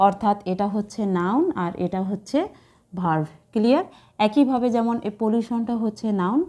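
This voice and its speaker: A woman's voice: medium pitch, dark tone. A woman English teacher, explaining word meanings patiently, spelling words out letter by letter and checking that students follow. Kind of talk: casual classroom explanation.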